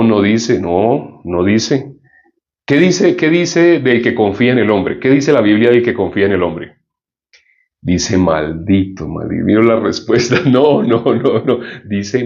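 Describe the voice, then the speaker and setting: Lowish guy preaching, keeps asking the crowd questions, muffled lo-fi audio. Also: animated, unhurried, a little mellow. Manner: questions the audience, preaching with rising emphasis. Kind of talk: sermon. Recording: dull lo-fi sound.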